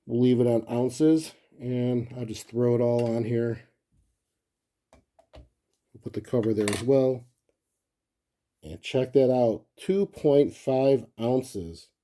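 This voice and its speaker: A man's voice: mid-range voice, fairly even intonation, slow pace, pauses often, mellow. A man talking casually and thinking aloud as he presents a hands-on look at a gadget, in an easygoing, unscripted way. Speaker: collector presenting a gadget review.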